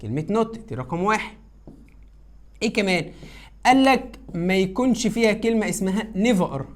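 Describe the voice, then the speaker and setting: A woman's voice: medium pitch, animated, moderate pace. A woman with an Egyptian Arabic accent teaching an English grammar lesson, coaxing students and answering her own questions.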